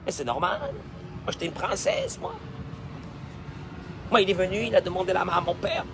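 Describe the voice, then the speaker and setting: A male rabbi preaching a sermon, emphatic and repetitive, swinging between loud declarations and hushed asides. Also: sits high, animated, normal speed, noisy background.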